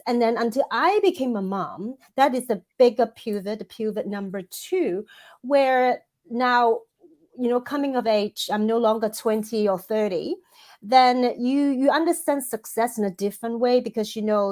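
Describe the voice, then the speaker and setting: Her mid-range voice has a darkish tone: she is a guest on an interview, a Hong Kong coach and author who works with women. She answers thoughtfully, often restarting as she assembles her points into lists.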